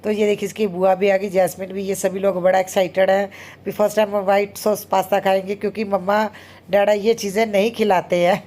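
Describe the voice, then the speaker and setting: A woman in her thirties narrates her home vlog in a casual, chatty way. She talks very fast and keeps dropping little fillers as she goes. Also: medium pitch, little pitch movement, warm tone. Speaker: homemaker vlogger.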